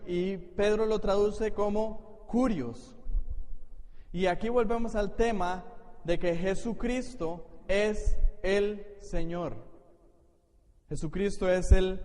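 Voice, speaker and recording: A man's voice: sits high, a little mellow. A man with a Costa Rican accent, a pastor giving a Bible study to his congregation in an explanatory teaching manner. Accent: Costa Rican Spanish. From Costa Rica. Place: church hall. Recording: echoey church hall, faint noise.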